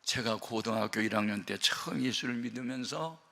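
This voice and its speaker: A man preaching a sermon as pastor, an animated storyteller who acts out the quotes. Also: medium pitch, brisk, vocal fry, big-room sound. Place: prayer house worship hall.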